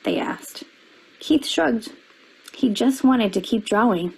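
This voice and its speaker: A woman reading a children's picture book aloud, with expressive storybook delivery that rises for quoted lines. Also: fairly high pitch, slow, gravelly, husky, rough recording.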